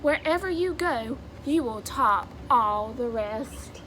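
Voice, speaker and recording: Woman in her twenties, high-pitched, slow and deliberate, storybook read-aloud, sing-song phrasing. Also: animated, a bit bright, a little hiss or hum. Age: 20s. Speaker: new education graduate reading a children's book.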